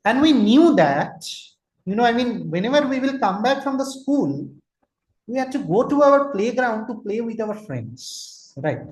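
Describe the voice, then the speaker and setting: Giving a lecture online, a forties-aged man from Kolkata quizzes his listeners in Indian-accented English and sometimes shifts into Hindi. His voice is extremely high and a little mellow, very animated yet unhurried. There's a roomy echo around him.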